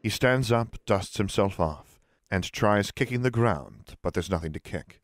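A man narrating the scene directions of an audio drama in a plain, measured reading. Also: lowish voice, animated, dry recording, clean studio sound. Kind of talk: scripted narration of stage directions.

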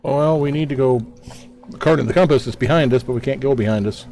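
A man's voice: mid-range voice, fast, a little mellow, soft background music. A man casually narrating what he sees while playing a game on a livestream. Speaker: livestream gamer. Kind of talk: casual gameplay chat.

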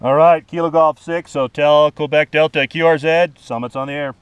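On a snowy mountain peak outdoors, a man hosts a vlog and makes ham radio calls, caught on an action camera. His voice sits a little high with fairly even intonation, and he talks at a moderate, smooth pace. As a vlog host and amateur radio operator, he sounds laid-back and slangy.

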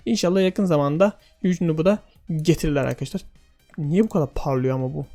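A man casually commentating a game for his viewers, excitable and often exclaiming and laughing. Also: a little high, quick pace, soft background music. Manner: addresses viewers directly. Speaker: gaming video host.

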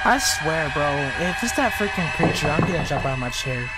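Scared young male horror game streamer, higher-pitched. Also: animated, moderate pace. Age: young adult. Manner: scared, slangy, repeating phrases. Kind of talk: casual reaction commentary, reading game dialogue aloud. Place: small dark room at home. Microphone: close standing studio microphone.

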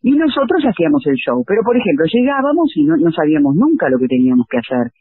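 A woman from Argentina with a Rioplatense accent, a tango singer and actress telling her stories in a lively way during a radio interview. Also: low-pitched, fast, phone-quality sound. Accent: Rioplatense Spanish. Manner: lively anecdotal, acts out dialogue.

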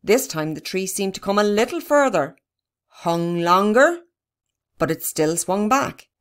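A woman narrating a children's storybook in a steady, even reading. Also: medium pitch, unhurried, smooth. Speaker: reader.

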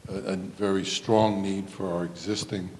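Man, low voice, measured and reflective, long reverb, faint room noise. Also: little pitch movement, darkish tone. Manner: measured, reflective, frequent fillers. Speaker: board member. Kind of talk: public meeting discussion. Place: large meeting room.

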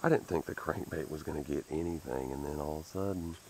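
A man with a Southern US accent, talking excitedly to viewers while fishing from a creek bank, recorded on a head-mounted camera. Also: extremely low pitch, fast. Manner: excitable, exclaiming over catches, talking to viewers. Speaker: fishing vlogger. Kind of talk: casual outdoor commentary while fishing.

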